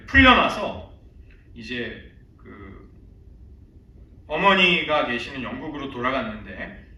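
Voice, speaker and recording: Korean pastor preaching in an echoey church. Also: male voice, sits high, bright, forceful tone. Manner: storytelling, acting out quoted prayers with feeling. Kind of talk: sermon. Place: church sanctuary. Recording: echoey church sanctuary, mic at a distance.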